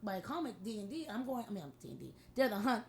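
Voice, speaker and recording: Fast-talking woman telling convention stories. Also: medium pitch, gravelly, a little hiss or hum. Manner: animated storyteller, acts out quotes. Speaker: podcast co-host, artist. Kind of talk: casual podcast chat.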